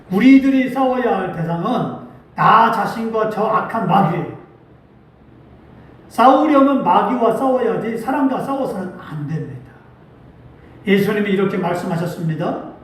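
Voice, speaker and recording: High-voiced male pastor in an echoey hall. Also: animated, normal speed, pauses often. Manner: asks the congregation rhetorical questions; acts out quoted speech with rising emphasis. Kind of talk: sermon. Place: church sanctuary. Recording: very echoey church hall, mic at a distance.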